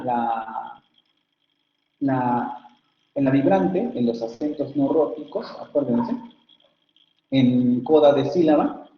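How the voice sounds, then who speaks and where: Mexican man lecturing with fillers. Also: medium pitch. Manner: explanatory, frequent fillers and self-corrections. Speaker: university phonetics lecturer. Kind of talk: online lecture. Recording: echoey, dull lo-fi online class audio.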